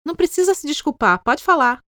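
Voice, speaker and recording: Brazilian woman teaching english on a podcast, bouncy voice that swings up and down, kinda high, dry close mic. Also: very animated, fast talker, bright, forceful tone, no echo. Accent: Brazilian Portuguese. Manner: friendly explaining, playful teasing. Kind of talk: scripted educational podcast dialogue.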